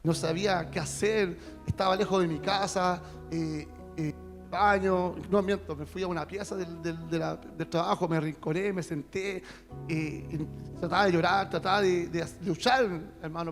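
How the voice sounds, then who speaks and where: A man's voice: sits high, fairly even intonation, normal speed. A man with a Chilean accent, a minister giving an emotional testimony sermon, repeating himself and calling listeners brother. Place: church hall. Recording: long church reverb with music behind.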